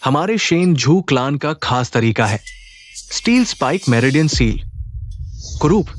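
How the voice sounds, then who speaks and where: A man's voice: medium pitch, big pitch swings, measured pace. A man voicing a scheming male rival in a martial clan in a dubbed short drama, sneering and plotting. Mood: menacing.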